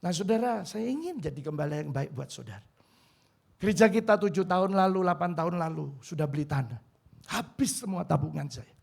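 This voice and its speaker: Gravelly, husky preacher man pleading. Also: high-pitched, expressive, fairly quick. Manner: emotional, pleading, swings from quiet to loud. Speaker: pastor. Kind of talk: sermon. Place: church hall.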